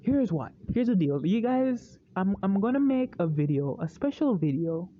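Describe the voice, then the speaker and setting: A movie review vlogger ranting casually and opinionated, animated, swinging into loud excited outbursts and repeating words when worked up. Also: mid-range voice, moderate pace, highs cut off.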